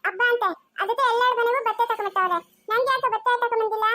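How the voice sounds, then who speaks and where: A woman's voice: very high voice, racing, sharp tone, voice pushed up. A woman voicing a bossy little girl who pesters her grandmother with whiny, demanding questions, in a Chikkaballapur Kannada accent. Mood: pestering.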